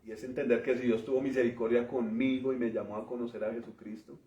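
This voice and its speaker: A man preaching a teaching sermon, explaining word meanings in a measured way and often ending phrases with a questioning tag. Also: mid-range voice, little pitch movement, dark tone. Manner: pauses and restarts while working through word meanings. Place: church. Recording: roomy, distant, dull church recording.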